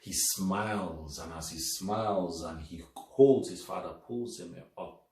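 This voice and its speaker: A male storyteller telling a folktale with dramatic pauses and sudden loud bursts. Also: low voice, reverberant, recorded from a distance.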